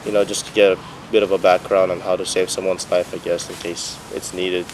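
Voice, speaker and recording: A young man who grew up in Bahrain, a student giving a relaxed, casual testimonial with some fillers. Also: deep voice, fairly quick, slight background noise, poor audio. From Philippines, raised in Bahrain. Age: young adult. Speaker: engineering student.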